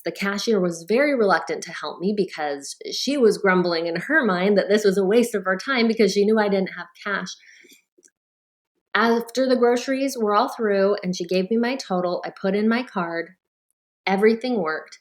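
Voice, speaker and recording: A woman coach in her thirties telling a personal story to an audience of mothers, acting out her own thoughts along the way. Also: mid-range voice. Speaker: life coach. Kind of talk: talk to an audience of moms.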